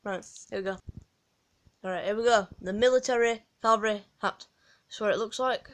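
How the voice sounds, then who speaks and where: At a moderate pace and in a mid-range voice, a woman from Yorkshire who creates gaming guides talks through a game at home. It's a casual, wandering run-through, full of hesitations and restarts.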